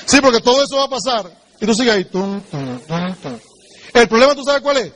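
A business seminar speaker with a very high, fairly bright voice delivers a fast-paced motivational sales training talk. He's direct and emphatic, addressing the listener and acting out sales dialogues.

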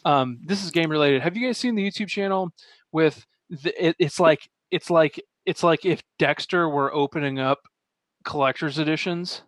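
A man's voice: fairly high pitch, moderate pace, no room sound. A man co-hosting a podcast in casual chat, rambling and laughing often, talking into a close studio mic. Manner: rambling, laughs often, trails off mid-thought. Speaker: podcast co-host.

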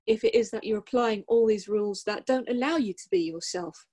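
A woman talking casually on a podcast, thoughtful and wry, often pausing with ums. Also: a little high, animated, gravelly, warm tone. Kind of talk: casual chat.

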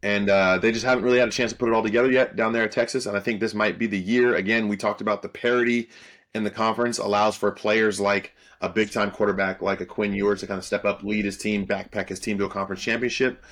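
A young man with a fairly low voice talks sports in an easygoing podcast chat. He sounds sure of his picks and fills his pauses with plenty of "um"s. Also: level tone, a bit bright. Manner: loose and confident, many "um" fillers. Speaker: podcast co-host and college football analyst.

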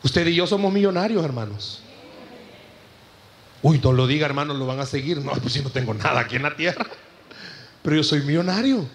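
A Salvadoran man preaches in a church, his voice sitting high. He mixes humorous personal stories with rhetorical questions to the congregation. The sound carries a long reverb from the hall. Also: lively intonation, brisk, long pauses, a little hiss or hum. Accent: Salvadoran Spanish. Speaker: pastor. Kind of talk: sermon.

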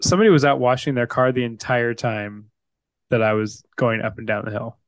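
Creaky-voiced man bantering on a podcast. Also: mid-range voice, fairly even intonation, a little fast, no room sound. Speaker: podcast co-host. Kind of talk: casual banter.

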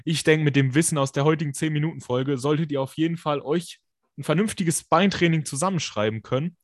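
Scratchy-voiced man with a smoker's rasp. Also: a little high, fairly quick, no room sound, studio quality. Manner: blunt, colloquial, emphatic. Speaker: podcast co-host and fitness coach. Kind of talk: casual podcast chat, coaching advice.

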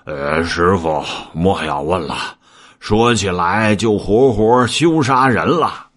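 A man's voice: low voice, animated, slow pace, fairly bright tone, heavily acted. A man voicing a clumsy, greedy pig-monk who whines and boasts in a told story. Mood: whiny. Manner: complaining, blustering.

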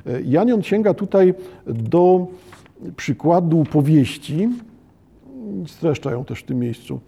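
A man giving an academic lecture on literature, talking haltingly with many hesitations and checking that his listeners follow. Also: on the high side, animated, gravelly, mellow, breathy edge. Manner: halting, with frequent "e" hesitations and restarts; addresses listeners formally and checks understanding.

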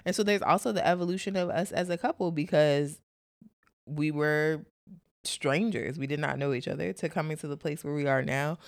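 A woman's voice: low voice, steady tone, moderate pace, dry recording, studio quality. A young woman co-hosting a podcast, playful and teasing in casual chat. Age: young adult. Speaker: podcast co-host.

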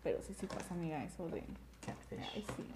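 A woman's voice: on the low side, moderate pace. A young woman, co-hosting a podcast and joking as she tells her dating story. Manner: lively, joking, quotes herself. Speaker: podcast co-host. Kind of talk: casual chat.

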